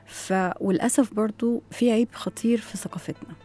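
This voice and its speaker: A woman's voice: medium pitch, steady tone, fairly quick, dark tone, soft background music. A woman with an Egyptian accent, a guest education expert, explaining her ideas in an interview and often asking rhetorical questions. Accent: Egyptian Arabic.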